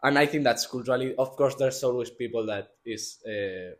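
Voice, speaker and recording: A man's voice: mid-range voice, moderate pace. Rambling young man from Spain. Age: young adult. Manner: rambling, restarts phrases, many "like" fillers. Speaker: student athlete guest. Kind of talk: casual interview answers.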